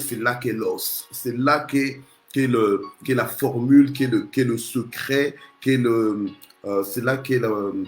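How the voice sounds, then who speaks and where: A male pastor from Congo preaching a morning sermon, punctuating nearly every phrase with alleluia and amen and often restarting his words. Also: medium pitch. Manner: restarts and repeats words while searching for phrasing. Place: church. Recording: roomy echoey church sound.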